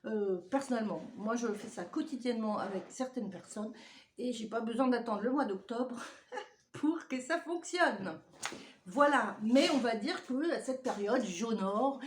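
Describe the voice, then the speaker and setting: A woman's voice: on the high side, expressive, a little slow, slight background noise. A woman vlogger chatting casually at home as she unboxes a parcel, rambling off on tangents and laughing often. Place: home indoors.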